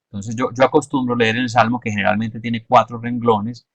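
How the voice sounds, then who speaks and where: Man, instructional talk, measured explaining, middle pitch, dry close sound. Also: level tone, no room sound. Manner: measured and explanatory, stressing key points.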